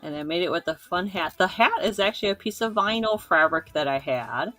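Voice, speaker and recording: A woman's voice: fairly low pitch, animated, a little fast, pushed and bright, soft background music. A woman co-hosting a live craft sale, chatting in a friendly way about handmade items she is selling. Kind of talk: casual live-stream selling.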